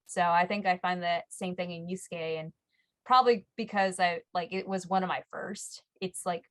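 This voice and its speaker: A woman guest in a casual roundtable chat, lively, acting out little quotes as she talks. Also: on the low side, moderate pace, no echo. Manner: lively, acts out quotes and laughs. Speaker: podcast guest.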